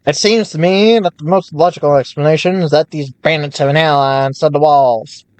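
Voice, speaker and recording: A man's voice: fairly high pitch, fairly even intonation, brisk, dry recording, lightly acted. A man voicing a secretive middle-aged male town merchant in an old-fashioned 1930s newscaster manner. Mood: confiding.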